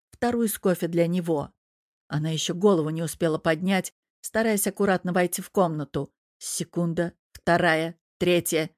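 Low-voiced woman narrating a story. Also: no echo, clean studio sound. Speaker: audiobook narrator. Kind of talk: scripted narration.

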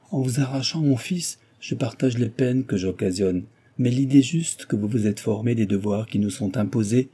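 A man reading the lines of a dignified noble mother in a storybook reading, with a gentle, earnest and stately manner in a deep, husky voice. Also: lightly acted.

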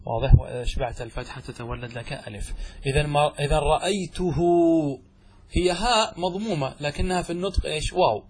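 A man teaching a grammar lesson in class, who asks the students questions and answers them himself and draws out his examples slowly. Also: a little high, slightly rough. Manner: says examples slowly and drawn out.

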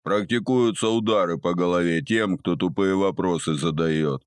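A man voicing a gruff old gnome jailer. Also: low-pitched, no room sound, clean studio sound, natural voice. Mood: mocking. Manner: scolding, sarcastic, drawn-out.

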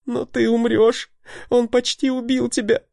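A man's voice: level tone, unhurried, creaky, darkish tone, no room sound, clean studio sound, heavily acted. A man voicing Lita, a battered young woman who sobs and trembles as she pleads and rages. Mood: furious. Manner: sobbing, pleading, trembling high voice.

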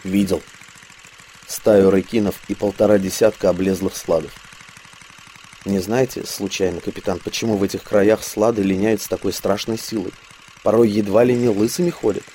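A man's voice: fairly low pitch, fairly even intonation, normal speed, warm tone, slight background noise, natural voice. A man voicing a nonchalant, mocking young male sergeant in a storybook reading, with a sly, offhand manner.

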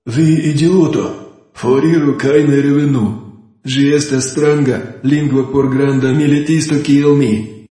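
A man voicing a proud, irritable old male war robot sub-personality in an audiobook, with a booming metallic robot voice that rumbles and barks slowly. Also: fairly even intonation. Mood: stern. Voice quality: rumbling, shouting. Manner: slow, haughty, barking. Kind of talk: audiobook character voice. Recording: heavy echoing reverb effect.

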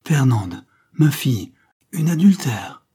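A man's voice: mid-range voice, lively intonation, normal speed, mellow, husky. A man voicing a proud old nobleman, furious and commanding, read in a storybook. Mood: outraged. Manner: commanding, enraged.

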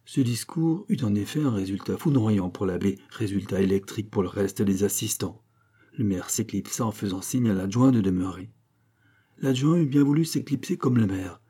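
A man narrating a classic novel as an audiobook reader, in a measured, expressive storytelling manner. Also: fairly low pitch, husky.

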